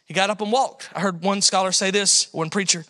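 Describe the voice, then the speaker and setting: A man preaching a lively sermon in a high, bright voice. He tells stories in a folksy way and drops from loud exhortation into hushed asides. The sound is dry and close. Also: brisk, no echo. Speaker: guest pastor.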